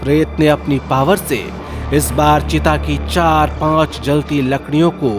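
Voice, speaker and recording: Man telling a spooky story, slow and jokey, music behind. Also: on the high side, fairly even intonation. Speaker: narrator. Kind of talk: scripted story narration.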